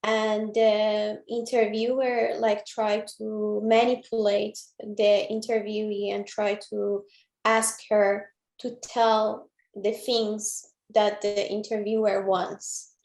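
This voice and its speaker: A woman in her twenties from Iran, speaking as an artist in an online interview. She talks slowly and carefully, pausing often to find her words. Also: mid-range voice, level tone, a little mellow. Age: 20s. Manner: slow and measured, pauses often to find words. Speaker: featured artist. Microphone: video call. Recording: roomy echo.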